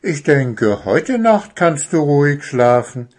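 Man doing a female owl teacher, strict yet gentle, higher voice, measured teacherly tone, storybook. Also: animated, breathy edge, full character voice. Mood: kindly.

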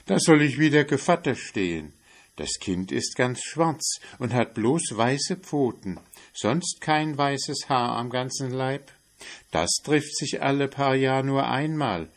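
A man's voice: mid-range voice, animated, takes it slowly, pitched above the performer's own voice. A man voicing a sly, greedy female cat in a fairy-tale reading, speaking in a raised, bold, coaxing voice.

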